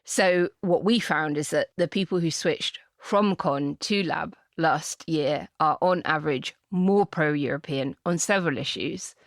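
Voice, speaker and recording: A woman with a British accent co-hosts a podcast and campaigns on polling, discussing politics emphatically, repeating phrases for effect and acting out imagined exchanges. Her voice is low and a little slow with few pauses, captured in clean studio sound with no echo.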